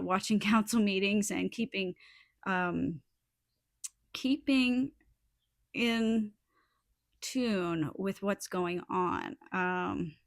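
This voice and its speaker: A woman talks as a casual vlogger, addressing viewers informally and unhurriedly. She pauses and gathers her thoughts aloud, at a slower pace and middling pitch. The sound is dry, with little room to it. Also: no echo. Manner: informal, halting, thinking aloud. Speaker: vlogger and small soap business owner. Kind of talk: casual chatty vlog talk to viewers. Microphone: small add-on phone microphone.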